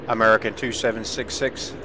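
A man with a lowish voice talks fairly quickly while streaming a game in which he plays an air traffic controller. He mixes procedural radio-style calls with offhand commentary, over steady background noise from the game's ambience.

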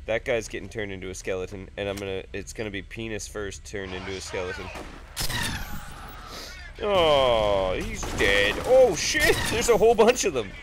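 A gaming YouTuber in his thirties, nasal and sick from blocked sinuses, rambles and jokes through a casual let's play at his home desk, swearing freely. His voice is lowish with lively intonation at a moderate pace, and there's background noise.

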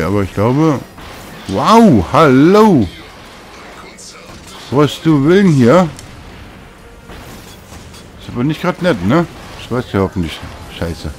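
This let's play host has a medium-pitched, darkish voice. He chats casually while playing a video game, muttering to himself over the game's music.

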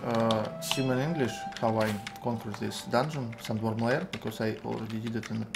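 A man in his twenties with a Russian accent, thinking aloud in halting fragments as he gives casual live game commentary. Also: medium pitch, steady tone, creaky. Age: 20s. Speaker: game streamer. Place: indoor room at a computer. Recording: music behind the voice. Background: music, keyboard typing.

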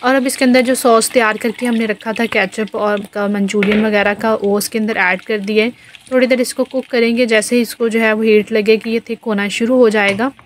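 A woman's voice: a little high, steady tone, moderate pace, slight background noise. A woman in her thirties with a Pakistani accent, chatting casually through a home vlog voice-over and explaining each step with lots of fillers. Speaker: home vlogger.

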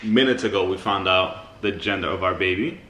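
A man's voice: deep voice, normal speed, bright, forceful tone, husky, far from the mic. A man chatting and joking with his wife in a casual vlog. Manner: teasing, joking. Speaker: vlogger's husband.

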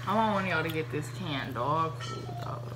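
A woman's voice: sits low, animated, moderate pace, background noise. A young woman chatting casually and teasingly indoors at home.

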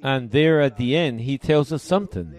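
A man from Puerto Rico preaching a sermon, reading passages aloud and explaining them in short, deliberate phrases. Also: medium pitch, expressive, a little mellow. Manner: measured, emphatic, pauses between short phrases. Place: church service.

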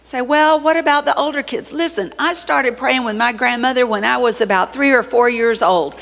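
A woman's voice: on the high side, normal speed, gravelly, fairly bright tone, big-room sound. A woman pastor giving church announcements and teaching on prayer, with playful teasing banter. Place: large church sanctuary.

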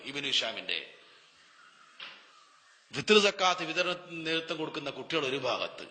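Bright-voiced preacher in an echoing hall. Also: male voice, on the high side. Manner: dramatic storytelling with rhetorical questions and answers. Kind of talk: Ramadan sermon. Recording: long hall reverb.

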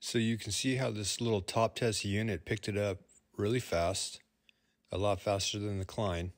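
A man's voice: fairly low pitch, steady tone, moderate pace, a little hiss or hum. A man, a plumber, talking through a product review in an easygoing, plain-spoken way.

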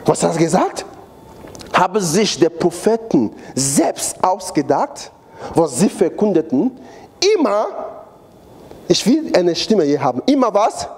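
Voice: medium pitch, very animated, unhurried, a little mellow. A preacher giving a sermon in a church, repeating phrases for emphasis and asking the congregation to fill in missing words. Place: church hall.

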